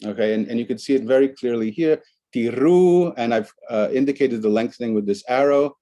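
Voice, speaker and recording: Man presenting at a conference, mellow, middle pitch, explanatory, walks through his slides. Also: brisk. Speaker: academic presenter.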